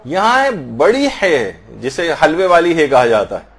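Higher-voiced man teaching recitation. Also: huge pitch swings. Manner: slow, careful demonstrations of recited phrases; patient, corrective explaining. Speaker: religious teacher. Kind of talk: prayer pronunciation lesson.

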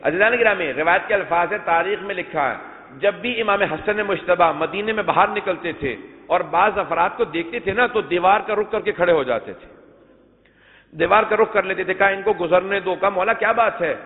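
A Shia preacher with a high-pitched voice delivers an emotional mourning sermon, often turning to the congregation while recounting old narrations. The sound carries a long hall reverb and is thin and tinny, like a phone line.

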